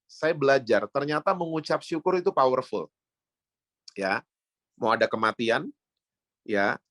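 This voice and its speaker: A middle-aged male pastor with an Indonesian accent preaches in a storytelling way, slipping English phrases into his talk. His voice sits at an ordinary pitch and leaps up high when he quotes people. The sound is close and dry, with hardly any room on it. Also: fairly bright tone, dry recording. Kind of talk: sermon. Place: church sanctuary.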